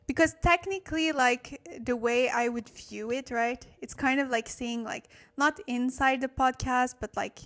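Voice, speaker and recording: Speaking English with a high-pitched, slightly bright voice at a measured pace with few pauses, a native French speaker hosts a casual livestream teaching Korean. She thinks aloud, filling gaps and correcting herself.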